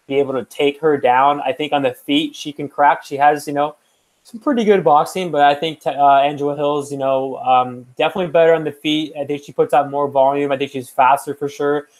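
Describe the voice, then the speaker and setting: A man's voice: a little high, steady tone, a little fast, rough recording. Rambling young man making fight picks. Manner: rambling, with many fillers and restarts. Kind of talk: casual chat.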